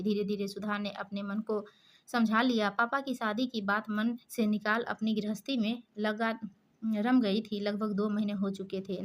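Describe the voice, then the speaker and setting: Woman storyteller, moral story narration, flat even intonation, mid-pitched, small hesitations. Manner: steady reading with small hesitations.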